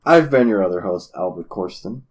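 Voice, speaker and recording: A man co-hosting a casual podcast, talking in a lively way that often breaks off mid-thought, with casual swearing. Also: deep voice, brisk. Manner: animated, self-interrupting, swearing. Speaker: podcast co-host.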